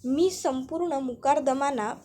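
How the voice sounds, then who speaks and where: A woman's voice: high-pitched, takes it slowly, mellow, a little hiss or hum. A woman voicing a scheming, spiteful villainess who taunts and threatens. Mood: bitter. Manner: mocking and threatening.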